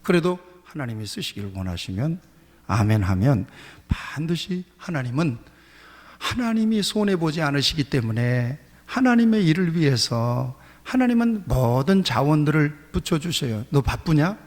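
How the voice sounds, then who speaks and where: Male pastor, higher-pitched voice, slightly husky, emphatic repetitive preaching, long church reverb. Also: very animated, normal speed, darkish tone. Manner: emphatic preaching with repeated phrases. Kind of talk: sermon. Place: church sanctuary.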